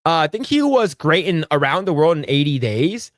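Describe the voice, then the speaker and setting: Animated, swearing man on a stream. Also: fairly high pitch, normal speed, dry recording, clean studio sound. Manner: animated, profane, riffing on movies and answering chat. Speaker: livestream host. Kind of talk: casual solo stream chat.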